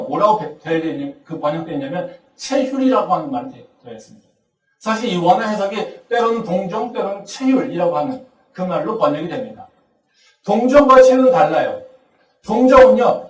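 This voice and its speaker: A high-pitched man preaches a sermon at a campus church. He acts out the voices he quotes and builds up to shouting. His voice is caught from a distance and rings through a roomy, echoing hall. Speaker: pastor.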